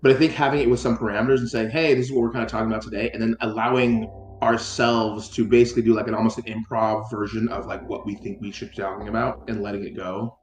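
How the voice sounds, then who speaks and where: A man's voice: on the low side, level tone, fast talker, roomy sound. Rambling casual man, lots of "like". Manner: rambling, many fillers and restarts, swears casually. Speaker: podcast co-host. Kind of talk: casual chat.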